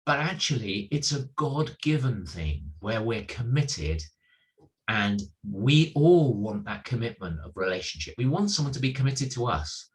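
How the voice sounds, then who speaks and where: On a rough recording, a middle-aged male preacher with a mid-range voice delivers an earnest sermon reflecting on a Bible passage. He stresses his key points and repeats them emphatically.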